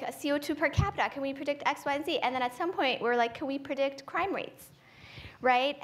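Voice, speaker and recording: Woman from ethiopia on a panel, bit high voice, lots of ums and restarts, keeps saying right?. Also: fairly bright tone. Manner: thinks aloud with many fillers and restarts, ends points with "right?". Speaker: panelist, AI researcher. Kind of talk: conversational panel talk. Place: conference forum stage.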